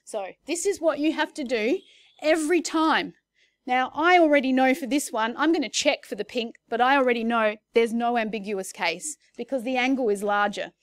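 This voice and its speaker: A woman's voice: a little high, normal speed, no room sound, studio quality. A woman teaching a maths class in a chatty way, correcting herself and checking in with her students. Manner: chatty, self-correcting, asks the class questions. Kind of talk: classroom lesson.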